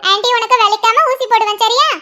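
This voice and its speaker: A woman's voice: very high voice, steady tone, fairly quick, pushed and bright, soft background music, full character voice. A woman voicing a smiling hospital nurse who coaxes a scared patient with sweet reassurance in a cartoon. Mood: coaxing.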